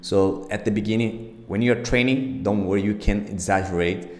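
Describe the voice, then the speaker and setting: A man whose first language is not English teaches pronunciation in an informal, reassuring way, exaggerating and emphasizing each sound he articulates. His voice is fairly low and moderately paced, recorded in an echoey, reverberant room with slight background noise.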